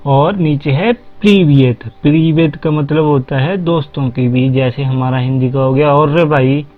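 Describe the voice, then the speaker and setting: A man's voice: medium pitch, steady tone, normal speed. A man giving a casual spoken lesson, spelling words out letter by letter and repeating himself often. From Haryana, India. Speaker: language teacher. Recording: dull lo-fi recording.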